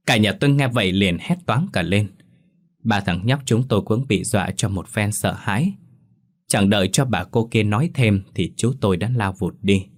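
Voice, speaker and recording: A man with a fairly low voice narrates a ghost story in the first person. He tells it in a steady, measured storytelling voice.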